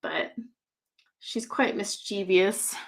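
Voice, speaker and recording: A woman's voice: medium pitch, slow, vocal fry. Chatty woman rambling with frequent laughs. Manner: many fillers like "like" and "um". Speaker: livestream host. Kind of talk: casual chat while crafting.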